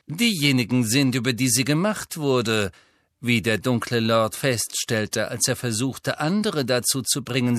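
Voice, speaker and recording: A man voicing a cold, sneering aristocratic wizard villain with a slow, menacing drawl in an audiobook reading. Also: mid-range voice, a bit bright, no room sound, close to an everyday voice.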